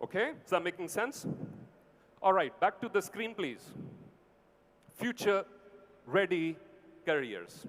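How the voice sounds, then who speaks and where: A man's voice: high voice, sing-song, slow pace, long pauses, fairly bright tone, a little hiss or hum. A man with an Indian accent giving a motivational talk to a large audience, teacherly, in short punchy phrases with prompting questions. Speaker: motivational speaker. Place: large event venue with long reverb. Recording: hall PA with long reverb.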